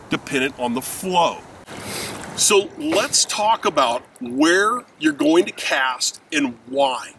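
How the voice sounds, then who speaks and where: The recording, made with a distant mic and faint river noise behind it, features a middle-aged fishing instructor giving an emphatic riverside how-to demonstration to his viewers. His voice sits high with a fairly bright tone.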